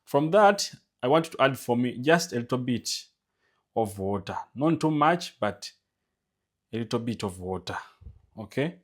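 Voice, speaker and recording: A man's voice: mid-range voice, sing-song, a little slow. Ugandan man urging viewers on. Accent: Ugandan English. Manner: repetitive, urging viewers to subscribe; emphatic, rising on key words. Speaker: home remedy vlogger. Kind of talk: casual instructional vlog.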